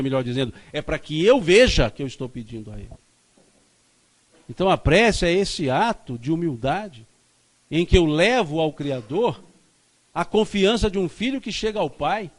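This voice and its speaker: Male spiritist speaker, emphatic, repeats his points, lively rising and falling delivery. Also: a little high. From Minas Gerais, Brazil. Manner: emphatic, repeats key phrases. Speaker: spiritist lecturer. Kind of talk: spiritist lecture. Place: spiritist center lecture hall.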